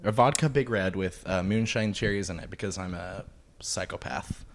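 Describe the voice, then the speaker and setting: A man with a hoarse, allergy-sore throat, co-hosting a casual podcast chat in a jokey, self-deprecating way. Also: low voice, normal speed, a little hiss or hum. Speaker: podcast co-host.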